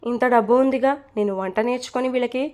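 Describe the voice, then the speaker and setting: A woman's voice: on the high side, quick pace, darkish tone, lightly acted. A woman reading a storybook, voicing a fond, chatty middle-aged mother-in-law who scolds lightly. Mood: homely.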